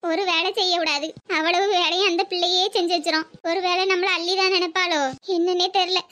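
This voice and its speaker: A fretful old village grandmother from a cartoon, voiced by a woman, fussing over her grandchildren in a Tirunelveli Tamil accent. Her voice is very high and pinched. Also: level tone, brisk, pushed and bright. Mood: worried. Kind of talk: cartoon voice acting.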